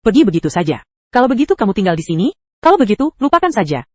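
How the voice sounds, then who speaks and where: A woman's voice: medium pitch, big pitch swings, racing, no echo. A synthetic text-to-speech female voice narrating an anime recap, reading every character's lines in the same voice.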